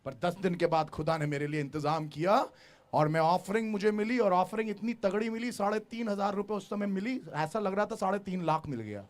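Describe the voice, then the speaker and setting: A male pastor preaching a sermon, swinging between shouted exhortation and hushed storytelling, with English call-outs mixed in. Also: high-pitched, fairly quick.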